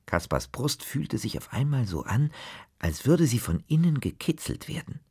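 Male narrator, husky low voice, very expressive melody, children's story reading, whispers for suspense.

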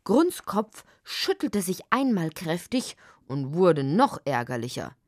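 A woman reading a children's story aloud with expressive delivery, dropping to a whisper at tense moments. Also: lowish voice, slow, no room sound, studio quality. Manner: animated, drops to a whisper for suspense.

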